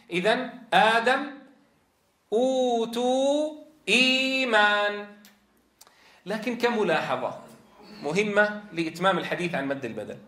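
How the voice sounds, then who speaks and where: Man, tajweed teacher, high bright voice, quizzing style, drawn-out example words, echoey room. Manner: asks students questions and answers them himself; drags out example words slowly. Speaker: Quran teacher trainer. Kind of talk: tajweed lesson.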